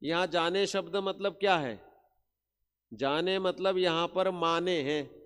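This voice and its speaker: A man giving a Jain religious discourse, stretching out chanted verses slowly and breaking into quick asides to his listeners. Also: high-pitched, fairly bright tone, clear, resonant tone. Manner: slow, drawn-out chanting of verses, then quick asides to the audience. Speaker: Jain pravachan speaker. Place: large hall at a Jain pilgrimage site. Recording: long hall reverb.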